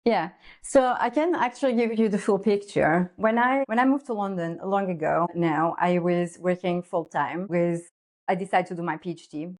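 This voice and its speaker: A woman in her thirties speaks English with a Portuguese accent, her voice sitting a little low for a woman. She explains things earnestly and at length, with the odd filler and restart, as a podcast guest. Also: moderate pace, a little mellow. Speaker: guest, lifestyle coach. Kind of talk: podcast interview.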